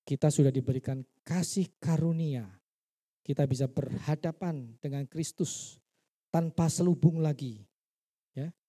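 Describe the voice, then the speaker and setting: A man's voice: a little high, a little slow, dark tone. A male pastor preaching a sermon in church. He teaches by asking his listeners questions and acting out the quoted dialogue.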